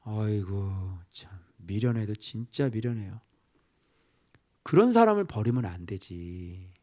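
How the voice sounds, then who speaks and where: A man's voice: fairly low pitch, unhurried. A male pastor preaching a sermon, quizzing his listeners and dropping now and then into whispered asides. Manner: animated, asking the congregation questions, dropping to whispered asides.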